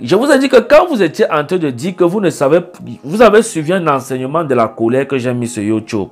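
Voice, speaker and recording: A man's voice: fairly high pitch, sing-song, brisk, faint music behind. Insistent scolding male prophet. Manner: scolding, insistent, repeats himself. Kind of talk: prophetic consultation by call.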